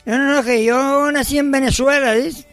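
High, gravelly radio host man. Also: fairly even intonation, normal speed, a bit bright, soft background music. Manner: chatty, rambling, joking asides. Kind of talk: casual radio chat.

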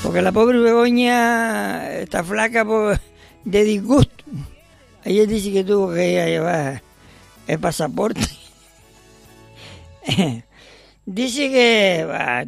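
A man's voice: high voice, a little slow, vocal fry, long pauses, soft background music. A man hosting a local radio show in a chatty, rambling way, with joking asides. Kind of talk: casual radio chat.

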